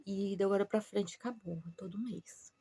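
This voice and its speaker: A careful, gentle mother speaks softly and with delicacy, as her daughter puts her on. The voice is a little gravelly and sounds close and dry, with no room around it. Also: mid-range voice, normal speed, no room sound. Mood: gentle, serious. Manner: soft, hushed, delicate delivery.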